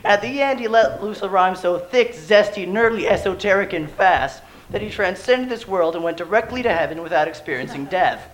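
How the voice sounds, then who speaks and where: A man with a hoarse, worn-out voice stands on a stage at a live show and spins a grand, mock-epic tale. He keeps it deadpan and wry, poking fun at himself as he goes. His voice sits fairly high for a man. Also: normal speed, poor audio. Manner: deadpan, wry, self-mocking. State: hoarse, has lost his voice. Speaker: nerdcore rapper performing live.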